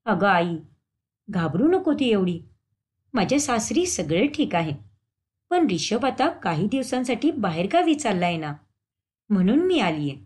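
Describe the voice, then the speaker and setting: A woman voicing a calm young married daughter who speaks reassuringly. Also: medium pitch, a little slow, pauses often, husky, pitched below the performer's own voice.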